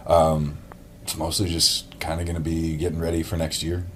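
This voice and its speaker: A man's voice: very deep voice, monotone, normal speed, a bit bright, a little hiss or hum. A man, a metal band member, talking casually and rambling in an interview, laughing easily. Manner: rambling, lots of fillers and restarts, laughs easily.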